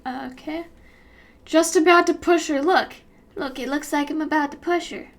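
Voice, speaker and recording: A young American woman keeps up a casual, rambling chat with many giggles as she works on an animation during a YouTube stream. She speaks at a moderate pace in a high-pitched voice.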